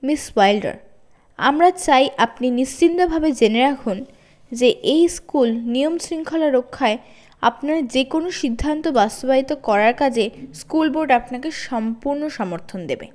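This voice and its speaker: A woman voicing a stern, steady middle-aged father in a read-aloud story, speaking in a measured, firm way and stressing each word. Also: sits high.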